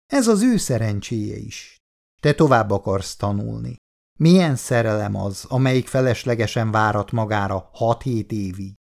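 A woman's voice: a bass voice, expressive, gravelly, a little mellow, exaggerated voice. A man reading aloud and voicing a bold young woman who insists and mocks her rival. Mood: brazen insistent. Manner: insistent, mocking, brazen.

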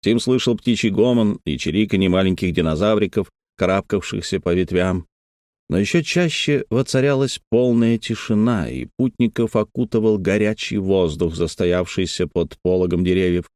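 A man reading an adventure novel aloud as an audiobook narrator, steady and measured. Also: low-pitched, no echo, clean studio sound. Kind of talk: scripted narration.

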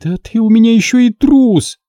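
A man's voice: extremely high pitch, moderate pace, warm tone, dry recording, clean studio sound, pitched above the performer's own voice. A male reader voicing a furious, bossy young woman in pain who scolds and gives orders sharply. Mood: scolding.

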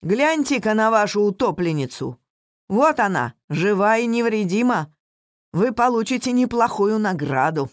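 A reader voicing a gruff, menacing male bounty hunter who snarls and barks his lines in a storybook reading. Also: medium pitch, big pitch swings, moderate pace, no room sound, clean studio sound, natural voice. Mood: barking. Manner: snarling, barking.

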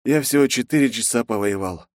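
A man's voice: medium pitch, fairly quick, pitched above the performer's own voice, natural voice. A man voicing a weary, wry young man who talks sluggishly, in a storybook reading.

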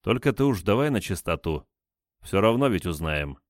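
A curt investigator presses with short, probing questions, read by a man. His voice is very deep and low in level, with a dry sound. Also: big pitch swings, normal speed, dry recording. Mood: stern. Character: curt stern male investigator.

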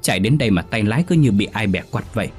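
A bewildered young man explaining himself in a low, plain voice, as the male narrator reads him. He sounds puzzled and shaken. Faint music sits behind the storybook reading. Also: lively intonation, quick pace, a little mellow, slightly rough.

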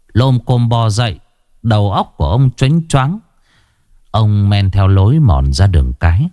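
A man's voice: fairly low pitch, mellow, dry recording, studio quality. A man telling a horror story in dramatic, suspenseful scripted narration.

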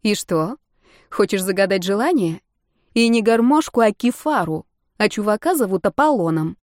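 A woman's voice: mid-range voice, animated, moderate pace, darkish tone, no echo, lightly acted. A woman voicing a prim, sensible young woman in an audiobook, with a dry, lecturing manner.

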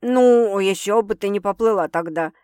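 A woman's voice: fairly high pitch, big pitch swings, normal speed, no echo, studio quality. A woman reading an audiobook voices Sveta, a brash young woman who teases her sister with bawdy, mocking jokes. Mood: teasing.

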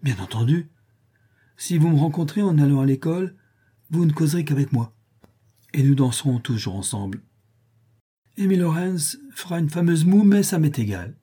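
A man's voice: fairly high pitch, animated, moderate pace, long pauses, dark tone, breathy edge, pitched above the performer's own voice. A man playing a mischievous young schoolboy, speaking eagerly with a lifted, boyish voice.

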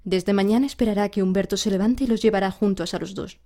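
A woman reading aloud voices a wealthy lady who gives brisk instructions to a servant. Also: mid-range voice, steady tone, dark tone, natural voice. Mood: commanding. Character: commanding wealthy lady giving orders.

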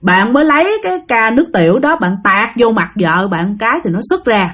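A woman's voice: fairly high pitch, expressive, brisk, a bit bright. A woman narrating a ghost story, chatty and addressing listeners directly.

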